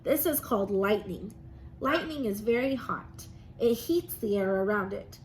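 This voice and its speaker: A woman with a mid-range, animated, unhurried voice reads aloud to young children and explains science in simple, encouraging phrases. Background noise is noticeable in the recording.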